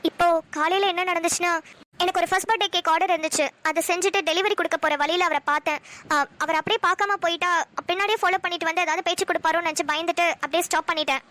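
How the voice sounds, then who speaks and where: A woman's voice: very high-pitched, steady tone, very fast, sharp tone, no echo. A woman voicing a guarded young woman in a cartoon who explains herself anxiously and defensively. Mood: regretful. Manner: anxious, self-justifying. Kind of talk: Tamil cartoon voice acting.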